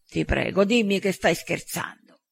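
A man's voice: sits high, lively intonation, unhurried, vocal fry, husky, exaggerated voice. A man voicing an indignant, snappish young man in an audiobook. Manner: protesting, snappish. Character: indignant young man, the only human among wolves. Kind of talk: audiobook dialogue.

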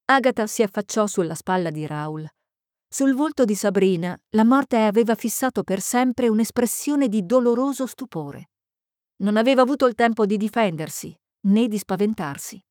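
A woman narrating a mystery novel in a measured, suspenseful reading. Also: fairly high pitch, darkish tone, dry recording, clean studio sound. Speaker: audiobook narrator. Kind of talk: scripted narration.

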